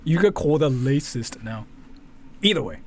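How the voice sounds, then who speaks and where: This commentary streamer has an expressive mid-range voice and speaks at a moderate pace. His reactions are casual, rambling and sweary, and he often repeats himself. Faint background noise can be heard.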